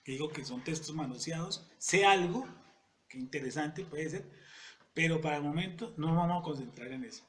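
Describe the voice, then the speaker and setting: Guy teaching bible study, keeps asking the room yes or no, reads verses real slow, slightly high voice. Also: fairly bright tone, a little hiss or hum. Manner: reads scripture verses slowly and deliberately.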